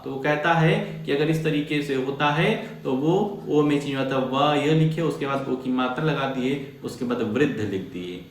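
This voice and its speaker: A man's voice: medium pitch, moderate pace, few pauses, heavy reverb. A man teaching a grammar lesson to schoolchildren, repeating key points and putting questions to the class.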